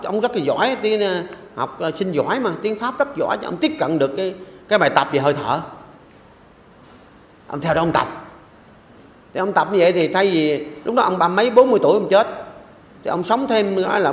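An older man, a Buddhist monk giving a sermon who asks his listeners questions and repeats his phrases. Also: high voice. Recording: echoey hall with long reverb.

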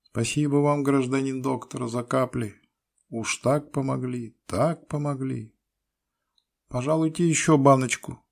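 A man's voice: a little slow, gravelly. A man doing a sing-song fawning peasant woman. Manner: sing-song, flattering, high wheedling. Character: ruddy fawning peasant woman about thirty.

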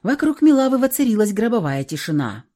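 Expressive woman reading a fairy tale. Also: medium pitch, brisk. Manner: expressive, storytelling. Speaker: audiobook narrator. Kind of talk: expressive audiobook narration.

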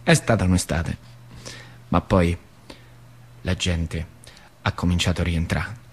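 Set against slight background noise, a man with a low, steady voice speaks at a slow pace. He is a stage actor in a radio monologue, portraying an old factory worker who reflectively remembers his boyhood, with a rural northern Lazio accent from central Italy. His colloquial, vivid telling swings between hushed and cried-out.

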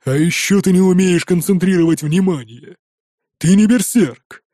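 Burly mocking warrior with a deep bass, gruff and slow, read by a male narrator. Dry, close sound. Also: mellow, dry recording.

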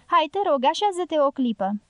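A woman reading the part of a gentle young woman in an audiobook, soft and pleading, in a dry studio sound. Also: sits high, sing-song, no echo, voice pushed up.

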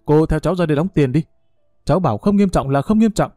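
Brief: male narrator as a brisk young female ER doctor giving urgent orders, dry close sound. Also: mid-range voice, lively intonation, warm tone, no room sound, soft background music, natural voice. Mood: urgent, stern. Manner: urgent, commanding.

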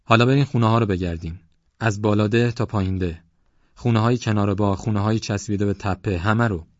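A man's voice: fairly low pitch, no room sound, muffled recording, natural voice. A man voicing a bossy, angry rural police sergeant who barks orders in an audiobook. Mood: commanding. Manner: barking orders, harsh. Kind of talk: audiobook character voice.

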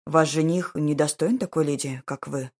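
A cool, ironic young duke speaks calmly and evenly, as a woman narrator voices him. The voice is low and husky. It is an audiobook. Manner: calm, ironic, measured. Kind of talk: audiobook character voice.

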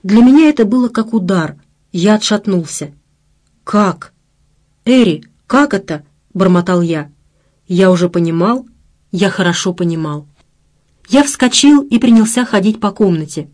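A woman narrating an audiobook in a measured, expressive reading voice. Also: mid-range voice.

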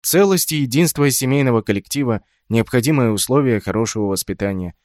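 A man's voice: medium pitch, lively intonation, quick pace, a little mellow, dry recording. Man reading a book aloud, dry sound. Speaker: audiobook reader. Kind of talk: scripted narration.

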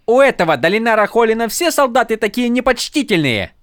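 A man voicing a brisk, scolding worldly woman. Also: on the high side, big pitch swings, no room sound, clean studio sound, voice pushed up. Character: sharp, worldly woman con artist, mentor. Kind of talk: audiobook character voice.

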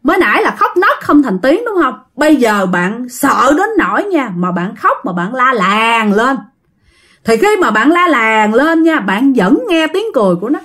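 A woman's voice: on the high side, normal speed. A woman with a Southern Vietnamese accent, casually narrating a ghost story and speaking straight to her listeners with dramatic emphasis. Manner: animated, addresses listeners directly, dramatic emphasis.

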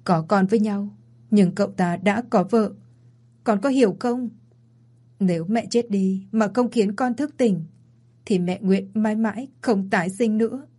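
A woman's voice: mid-range voice, a little slow, mellow, natural voice. A woman voicing a weak, dying older mother in a story reading, by turns stern and pleading.

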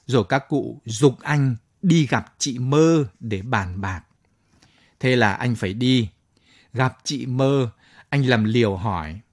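Man reading a night-time story, husky voice, calm, dry close sound. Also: medium pitch, slow, no echo. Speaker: story reader. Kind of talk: late-night audio story narration.

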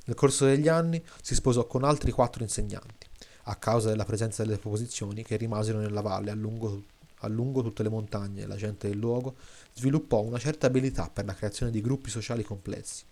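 A man reading a late-night story aloud in a calm, measured way, now and then restarting a word. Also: lowish voice. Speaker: story reader.

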